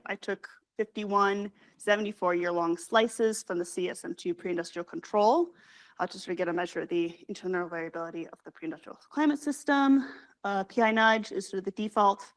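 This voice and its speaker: A young woman, a graduate student, presenting her research at a scientific conference, talking quickly with many fillers and self-corrections. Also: mid-range voice, fairly bright tone. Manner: fast, hurried delivery with frequent fillers and self-corrections.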